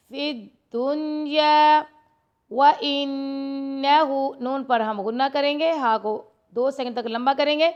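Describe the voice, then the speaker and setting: A high-pitched woman gives a Quran recitation lesson on a dull, lo-fi recording. She runs through the rules quickly and then recites each verse slowly and drawn out.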